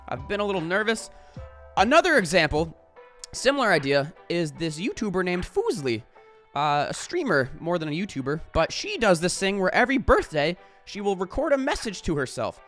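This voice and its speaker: A man's voice: fairly high pitch, fairly bright tone. A man talking to camera in a casual vlog, rambling with lots of fillers and casual swearing. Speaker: YouTuber.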